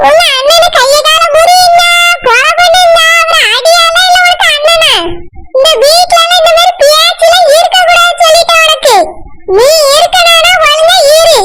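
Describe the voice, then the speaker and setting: A woman voicing a stern village housewife in a cartoon, scolding loudly in a Tirunelveli Tamil accent. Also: extremely high pitch. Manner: scolding, shouting. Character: sharp-tongued village sister-in-law, stern housewife. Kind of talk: cartoon voice acting.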